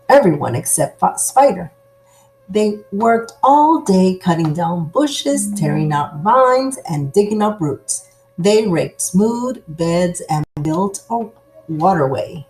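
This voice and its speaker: A woman reading a children's story aloud as storyteller, with deliberate, dramatized phrasing. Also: fairly low pitch, a little mellow, low-quality recording.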